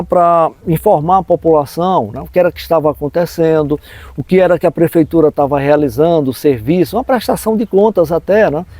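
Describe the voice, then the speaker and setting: With a high voice of dark tone, captured dry, this sixty-something storyteller and professor recalls life in the northeastern Brazilian backlands. He speaks with that region's accent, explaining as he goes in an interview and frequently adding tag questions.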